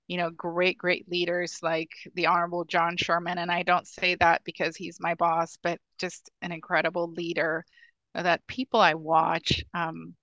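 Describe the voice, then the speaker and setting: A native Amharic speaker from Ethiopia, now a government technology official, is a guest on a podcast, answering questions earnestly but restarting often, her accent a blend of Ethiopian and Midwestern American. Her lowish voice is monotone and fairly bright at a moderate pace, with no echo but the highs cut off.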